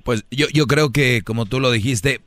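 A man's voice: medium pitch, normal speed, fairly bright tone, dry recording. Boastful joking radio host man. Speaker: radio show host giving advice. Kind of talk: comic advice talk with callers.

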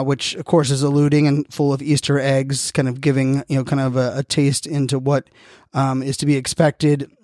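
A man's voice: mid-range voice, darkish tone, dry recording. A man hosting a casual solo podcast, rambling and often leaning on "you know", recorded on a close studio microphone. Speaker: podcast host.

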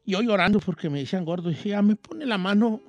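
A man's voice: high-pitched, expressive, fairly quick, no echo, highs cut off, faint music behind. A man voicing an old Mexican rancher with a Mexican accent, hosting a radio show and telling a rambling, self-mocking comic story. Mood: folksy storytelling.

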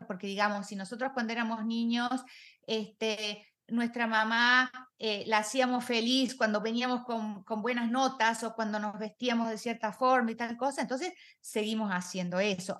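A woman's voice: fairly high pitch, a bit bright. A middle-aged woman, a life coach talking in an interview, reflective, with many rhetorical questions and English words mixed in. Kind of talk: conversational interview.

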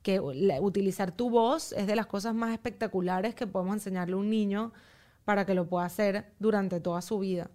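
In a relaxed, conversational podcast segment, a female guest lays out how she approaches parenting, one step at a time. She speaks evenly and calmly, at a medium pitch.

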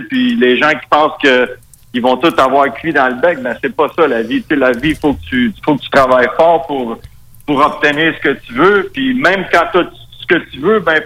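A man's voice: a little high, bright, forceful tone. A man with a Québécois French accent, a metal musician talking casually in a radio interview, rambling with many restarts and fillers. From Quebec, Canada. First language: Spanish. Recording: radio broadcast.

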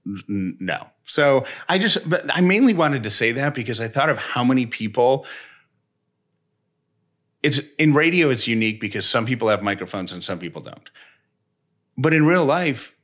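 An American man in his thirties co-hosts a casual personal chat in a mid-range, slightly bright voice with lively intonation. He talks at normal speed but leaves long pauses, speaking emphatically and often repeating or restarting phrases.

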